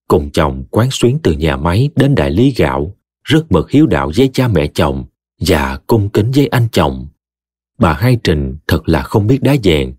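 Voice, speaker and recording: A man's voice: low-pitched, darkish tone, breathy edge, no echo, clean studio sound. A man narrating a story expressively and dramatically.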